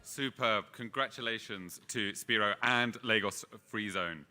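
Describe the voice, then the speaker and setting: Bright-voiced man presenting awards. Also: on the low side, a little slow, faint music behind. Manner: reads with small stumbles and restarts.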